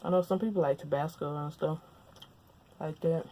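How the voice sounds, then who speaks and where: A young woman from Louisiana talks casually into a lapel mic at home between bites of food. Her voice is mellow and a little low, and her chat stays loose and easygoing. A faint hum of room noise sits behind her. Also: moderate pace. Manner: relaxed, chatty, talks with mouth full. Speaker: mukbang vlogger. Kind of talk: casual chat while eating. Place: at home, indoors.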